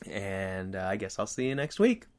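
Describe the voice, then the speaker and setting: A man chatting casually to his viewers as host, earnest and reflective, with halting, rambling phrasing and a slight whistle on his s sounds. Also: sits low, sing-song, very noisy. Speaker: video host.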